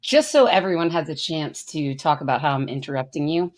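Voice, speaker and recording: A woman's voice: low voice, expressive, fairly quick, a little mellow. A woman hosting a podcast, teasing her guest in casual chat. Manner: teasing, jokey interjections. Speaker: podcast host.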